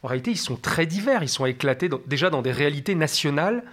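Man, fairly high voice, didactic interview guest, lists example after example. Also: animated, fast, a bit bright. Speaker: guest expert. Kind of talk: explanatory interview talk.

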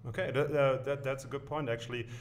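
A man's voice: medium pitch, fairly even intonation, fast, slight background noise. A man hosts a podcast interview in a casual, easygoing manner. He asks his questions with frequent small hesitations. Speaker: podcast host.

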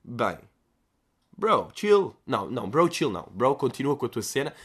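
A man's voice: mid-range voice, sing-song, fairly quick, breathy edge. A man with a European Portuguese accent hosting a podcast, casually answering listener questions in a slangy, rambling, jokey way. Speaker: podcast host.

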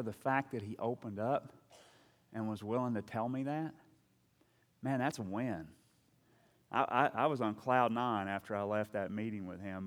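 A pastor preaches a sermon in a large hall, his voice at medium pitch. He talks in a conversational, storytelling way, with frequent asides and restarts.

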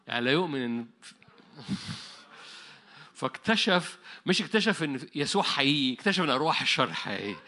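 A man with an Egyptian accent preaching an animated sermon, telling stories and laughing. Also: a little high. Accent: Egyptian Arabic.

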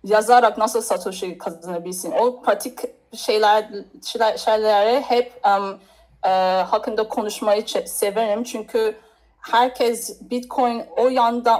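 A woman's voice: fairly high pitch, measured pace, darkish tone, poor audio. Hesitant woman from Nigeria chatting. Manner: hesitant, searching for words in non-native Turkish. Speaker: interview guest. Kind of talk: casual interview chat.

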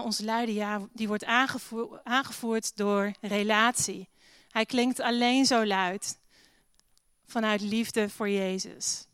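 In a church hall, a woman delivers a sermon with earnest conviction, reading scripture aloud and leading a prayer, now and then slipping in an English phrase. Her medium-pitched voice is slightly bright, clear and resonant, captured at studio quality.

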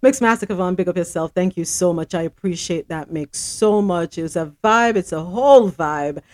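A woman's voice: fairly low pitch, moderate pace, no echo. A woman hosting a live radio and audio-chat news show, talking expressively and reading the news. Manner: expressive, preachy, out of breath at first. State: out of breath.

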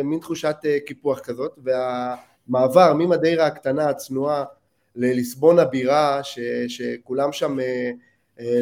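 A man's voice: mid-range voice, darkish tone. Reflective man thinking aloud on a podcast. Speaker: podcast co-host. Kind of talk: casual chat.

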